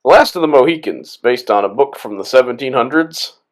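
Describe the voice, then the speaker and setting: A man's voice: medium pitch, lively intonation, moderate pace. Laid-back man rambling through movie commentary. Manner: rambling, laughing, filler-heavy. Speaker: podcast co-host.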